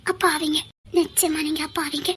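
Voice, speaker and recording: An actress playing a gentle young wife in a TV drama, speaking softly and reassuringly. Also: female voice, sits high, flat delivery, a little fast, a little hiss or hum. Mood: tender. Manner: soft, tender and reassuring. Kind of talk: TV serial acting.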